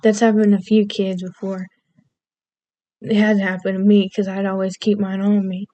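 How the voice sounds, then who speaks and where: A woman's voice: mid-range voice, monotone, moderate pace, dark tone, muffled recording. A woman vlogger with an American accent and a slight Southern lilt, rambling casually and goofily from topic to topic, often losing her thread. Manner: meandering, self-interrupting, goofy.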